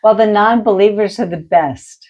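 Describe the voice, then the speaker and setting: A middle-aged woman who works as a healer and medium chats and tells stories, acting out the voices of the people she quotes. Her voice is mid-range at a moderate pace, and the recording has its highs cut off.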